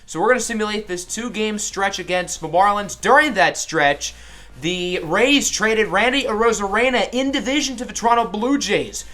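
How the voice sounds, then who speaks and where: A man's voice: high-pitched, normal speed. Upbeat young man doing game play-by-play. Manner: upbeat, excitable sports-announcer delivery. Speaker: gaming YouTuber. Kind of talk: play-by-play commentary over a video game.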